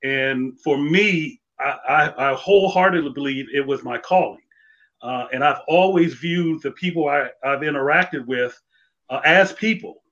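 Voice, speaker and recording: Ex police guy reminiscing, kinda high voice, lots of uhs, muffled lo-fi audio. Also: moderate pace, a bit bright. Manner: reflective, full of fillers and restarts. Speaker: former police officer guest. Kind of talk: casual conversation.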